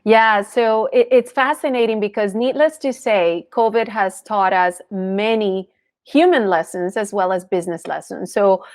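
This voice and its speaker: A woman's voice: medium pitch, a little slow, darkish tone, dry recording. A woman from Colombia who learned English as a teenager, speaking as an interview guest in an earnest, articulate, businesslike way. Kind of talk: interview conversation.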